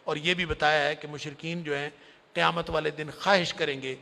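A man giving a sermon-style summary of the Quran, impassioned, swinging from loud emphasis to near-whisper. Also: fairly high pitch, level tone, vocal fry. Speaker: Quran scholar and preacher. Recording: long hall reverb.

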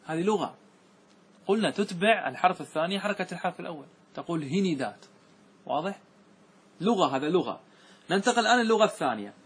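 A man's voice: sits high, expressive, quick pace, pauses often, slightly rough. A man teaching Arabic grammar to a class, explaining a verse text, reciting lines and often checking that his students follow. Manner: keeps checking students follow, asks them questions; repeats examples and recites verses in a raised voice.

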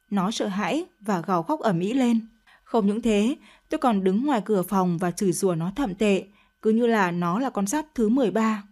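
A woman's voice: medium pitch, darkish tone. A woman narrating a dramatic first-person story in an emotional, confessional tone.

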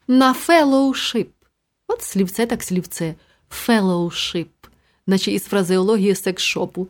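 A woman reads a novel aloud in the first person. Her telling is wry and ironic. Her voice sits at an ordinary middle pitch. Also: a little mellow. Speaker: audiobook narrator. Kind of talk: first-person audiobook narration.

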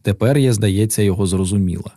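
Male audiobook narrator, calm reflective read, mellow, dry. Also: lowish voice, quick pace, no echo. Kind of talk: first-person audiobook narration.

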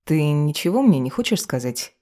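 A reader voicing a young, weary witch who sighs softly and asks questions in an audiobook. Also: deep voice, very animated, moderate pace. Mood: weary, curious. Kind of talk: audiobook character voice.

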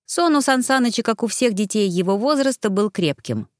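A woman reading a story aloud in calm, measured narration. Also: medium pitch, no room sound, studio quality. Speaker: audiobook narrator. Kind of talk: scripted narration.

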